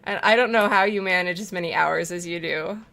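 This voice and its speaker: A woman's voice: lowish voice, a little fast, vocal fry, bright, forceful tone. A woman streamer chatting casually while playing a game, rambling, swearing freely and laughing often. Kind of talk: casual chat while gaming.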